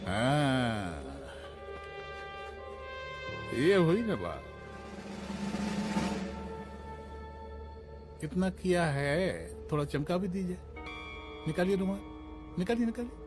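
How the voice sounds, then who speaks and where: A man's voice: on the high side, very animated, moderate pace, over loud music. An actor playing a smug, menacing male chief minister villain in a Hindi film dub, speaking with a mocking, condescending rustic drawl. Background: film score.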